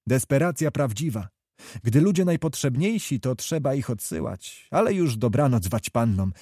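A man voicing a brisk cavalry colonel who speaks in clipped, commanding tones. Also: medium pitch, animated, mellow, no room sound, clean studio sound, close to an everyday voice. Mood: weary. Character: brisk male cavalry colonel, calm soldier.

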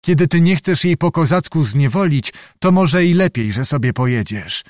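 A man's voice: a little high, expressive, moderate pace, a little mellow, no echo, studio quality, close to an everyday voice. A man voicing a fierce young Cossack witch, wild and coarse, in a raised chanting voice for an audiobook. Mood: teasing, sly. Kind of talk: audiobook reading.

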